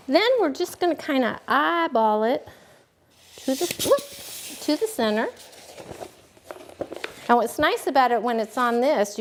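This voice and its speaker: A woman cake decorating instructor giving a relaxed, folksy hands-on demonstration, talking as she works. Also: a little high. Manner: folksy, relaxed, talks while working.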